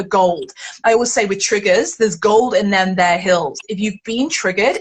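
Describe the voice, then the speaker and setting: A woman's voice: on the high side, a bit bright, husky. A woman, a guest in an interview, telling stories animatedly and acting out the reactions she quotes. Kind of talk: podcast interview conversation.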